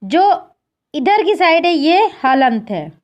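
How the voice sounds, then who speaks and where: A woman teaching a school Sanskrit lesson in speech, slowly reciting word forms and patiently addressing her pupils as children. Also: sits high, big pitch swings, a little mellow, muffled recording. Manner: slow, deliberate recitation of declensions.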